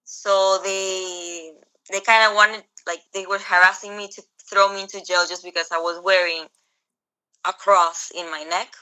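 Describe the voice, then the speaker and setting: Bright-voiced young woman, hesitant speech. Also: medium pitch, fairly even intonation, measured pace, rough recording. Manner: hesitant, many fillers and restarts. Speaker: interviewee. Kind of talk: casual conversational recollection. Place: Greece.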